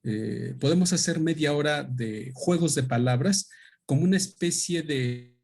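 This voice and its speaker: A man with a Mexican Spanish accent, a native Otomi speaker, giving an explanatory talk to an audience at a book presentation, thoughtful and halting as he searches for words. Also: a little high, vocal fry, a little mellow. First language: Otomi (Hñähñu).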